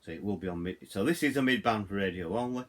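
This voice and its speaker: A middle-aged hobbyist radio reviewer from Yorkshire, England, speaks fast in a low voice with a Yorkshire accent. He gives a casual, hands-on walkthrough of a product, rambling off on tangents and coming back round to repeat himself.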